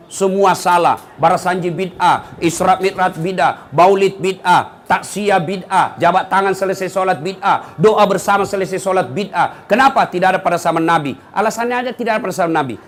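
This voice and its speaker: A man preaching a humorous sermon to an audience, lively and teasing, mimicking the people he talks about. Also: sits high. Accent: Makassar.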